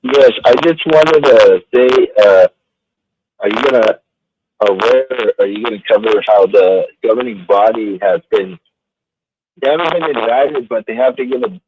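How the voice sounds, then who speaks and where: A man's voice: on the low side, normal speed, darkish tone, no echo. Man, caller, crackly phone line with static, tinny, dry, hesitant, fillers. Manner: hesitant, searching for words with many fillers. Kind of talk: call-in chat. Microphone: telephone.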